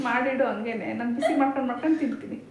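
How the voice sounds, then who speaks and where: High-voiced teasing mother. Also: rapid-fire, a little mellow, a little hiss or hum. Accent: Kannada. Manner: teasing, bossy, laughing. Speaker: vlogger, mother. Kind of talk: casual family chat. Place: home kitchen at night.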